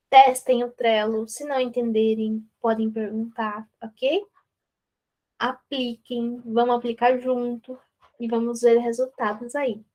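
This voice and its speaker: A woman hosting a live online course, wrapping up the class in a friendly, unhurried way over a video call. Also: on the high side, a little mellow. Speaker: course host.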